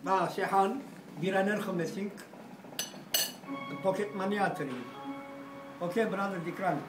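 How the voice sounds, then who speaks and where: An older man holding forth at a cafe table, boisterous and rambling, swearing and breaking into loud outbursts. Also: sits high, steady tone, measured pace, distant mic. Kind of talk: rowdy table talk. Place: cafe with glass front, indoors. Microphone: phone camera across the table. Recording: echoey room, voice off-mic, music behind.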